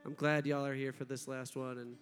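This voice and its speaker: A man's voice: medium pitch, level tone, fairly quick. Band's banjo player, a man thanking the audience at a cave gig; voice off-mic with long cave echo, music underneath. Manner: heartfelt, grateful farewell thanks. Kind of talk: live stage banter between songs. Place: live concert in an underground cave. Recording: echoey cave, voice far from the mic, music behind.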